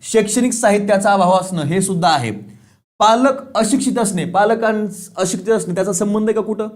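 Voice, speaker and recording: A man's voice: sits high, a little fast. A man teaching an online exam-prep lesson. He asks questions, answers them himself, repeats key points and chuckles now and then. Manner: repeats key points, says "lakshat theva"; casual, chuckles and teases students.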